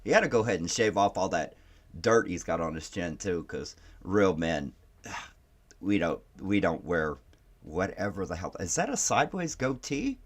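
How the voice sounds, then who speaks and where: A man's voice: sits low, very animated, moderate pace. A man giving profane, taunting reaction commentary on video clips, laughing at the people he mocks.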